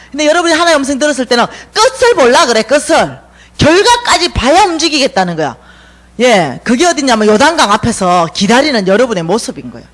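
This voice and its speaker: Woman church speaker, animated sermon delivery, very lively pitch. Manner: animated, acts out dialogue between God and Elijah. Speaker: church finance lecturer. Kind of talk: revival lecture.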